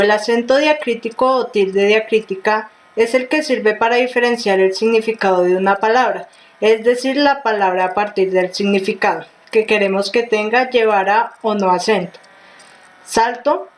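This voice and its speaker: A woman reading a grammar lesson aloud, slow and careful, with small restarts. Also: mid-range voice, slight background noise, low-quality recording.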